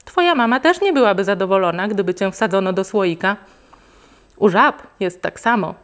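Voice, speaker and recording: A woman voicing a gentle, patient storybook dad, calm and even. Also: medium pitch, normal speed, lightly acted. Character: calm, kindly father.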